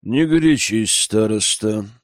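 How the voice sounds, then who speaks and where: A man's voice: medium pitch, wildly swooping pitch, takes it slowly, a little mellow, dry recording, studio quality, exaggerated voice. A man voicing a cautious, conciliatory old male village elder. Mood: wary.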